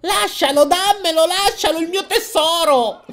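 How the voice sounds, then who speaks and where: A man voicing an unhinged, clingy mother who is shrill and possessive. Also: measured pace, fairly bright tone, exaggerated voice. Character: unhinged bought mother, woman, clingy and creepy.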